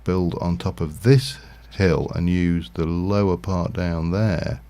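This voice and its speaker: A man's voice: low-pitched, fairly even intonation, takes it slowly, dark tone. A man casually commentating his Minecraft livestream, rambling and thinking aloud with lots of fillers. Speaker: streamer.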